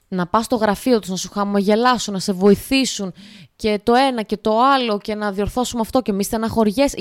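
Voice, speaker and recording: A woman's voice: mid-range voice, no echo, studio quality. A young woman hosting a casual solo podcast, chatty and speaking to her listeners directly with lots of filler phrases. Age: young adult. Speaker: podcast host.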